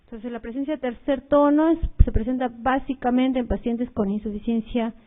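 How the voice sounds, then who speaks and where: A woman's voice: on the high side, steady tone, brisk. Woman lecturing over a tinny line. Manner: explanatory, uses fillers like "este" and "eh"; repeats key points, addresses students directly. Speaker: medical lecturer. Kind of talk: recorded cardiology lecture over slides. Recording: tinny phone-like audio.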